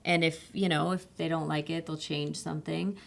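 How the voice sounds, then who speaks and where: A woman actress talking casually on a podcast, animated and full of "like" fillers. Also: low-pitched, moderate pace, vocal fry. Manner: animated, laughing storyteller with "like" fillers. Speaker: actress guest.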